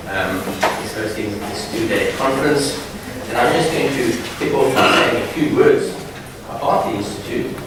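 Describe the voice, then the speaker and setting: Formal man speaking in echoey hall. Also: mid-range voice. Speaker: institute representative. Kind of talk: formal welcome speech. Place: conference hall. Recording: echoey hall from far off, noise.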